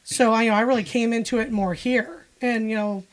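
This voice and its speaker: A Pennsylvania woman who works as a musician and music teacher talks in a casual interview, frank, matter-of-fact and wry. Her voice is a little high and brisk, with fairly even intonation.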